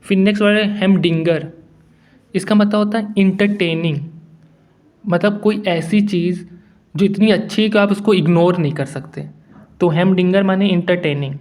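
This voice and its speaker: A man teaching English vocabulary in a relaxed, conversational way, mixing English words into his Hindi. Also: high voice, moderate pace. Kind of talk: casual explanatory lesson.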